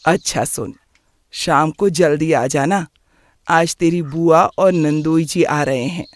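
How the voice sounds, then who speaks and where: A woman's voice: low-pitched, slow, no room sound, clean studio sound. A woman voicing a firm, scolding traditional mother in a cartoon. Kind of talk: cartoon voice acting.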